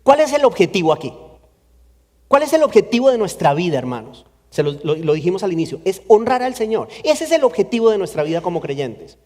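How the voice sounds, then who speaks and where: A man's voice: sits high, very animated, fairly quick, darkish tone. A man preaching a sermon earnestly in a church, repeating phrases for emphasis. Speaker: pastor. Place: church sanctuary. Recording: long church reverb.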